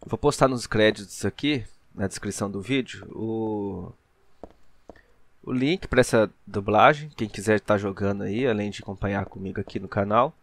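A young Brazilian man with a lowish voice, speaking at normal speed, hosts a channel and gives casual gameplay commentary. His asides to viewers are colloquial and full of slang.

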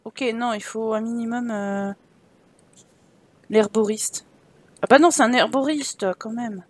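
A woman's voice: a little high, steady tone, a little slow, no echo. A woman giving casual, playful commentary while playing a game, reading the quest text aloud, laughing often and swearing casually. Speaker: video game let's-player.

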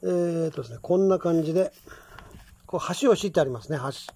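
Slow, chatty older man from Kumamoto. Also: fairly high pitch, creaky, dark tone, husky. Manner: slow, chatty, with many fillers and pleased exclamations. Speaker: home cook vlogger. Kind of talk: casual how-to vlog.

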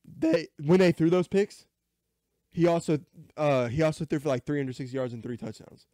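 A man's voice: a little high, normal speed, warm tone, dry recording, clean studio sound. A man co-hosting a podcast, talking sports in a rambling way, often restarting and repeating words. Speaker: podcast co-host. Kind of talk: casual sports chat.

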